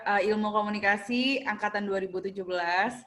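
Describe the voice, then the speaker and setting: Young Indonesian woman co-hosting, medium pitch. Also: steady tone, fairly quick, a bit bright. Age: early 20s. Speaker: student co-host. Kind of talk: casual interviewing.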